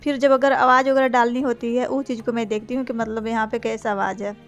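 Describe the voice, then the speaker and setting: Chatty young woman with a high voice. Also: level tone, fast talker, faint music behind. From India. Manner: chatty, rambling, repeats "kyunki" and "na"; speaks as a voice-over, not to camera. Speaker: vlogger. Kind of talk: casual daily routine vlog.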